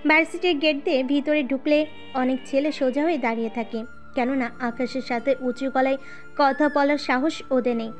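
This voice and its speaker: Woman narrating a story, high voice. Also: brisk, faint music behind.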